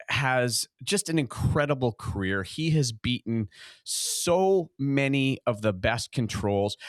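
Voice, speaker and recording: Male podcast host, animated intonation, halting delivery, dry sound. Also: mid-range voice, no room sound. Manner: halting, full of fillers and restarts. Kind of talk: casual podcast interview.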